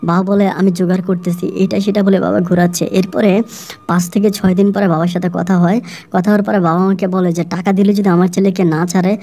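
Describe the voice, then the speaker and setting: A woman with a Bangladeshi Bengali accent retelling a true story in the first person, brisk and emotional, with dialogue quoted throughout. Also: on the low side, level tone, mellow.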